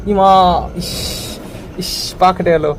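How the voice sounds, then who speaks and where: A man's voice: on the high side, fast talker, background noise. A man filming a casual home vlog, teasing and coaxing a child in a playful way, often repeating his words. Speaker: vlogger.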